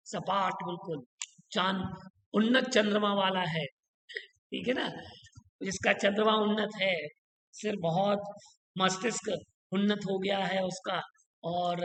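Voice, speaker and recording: Very slow, echoey grammar teacher. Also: medium pitch, fairly bright tone. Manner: drills rules by repetition and quizzes the listener. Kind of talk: classroom-style grammar lesson. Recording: echoey room with long reverb.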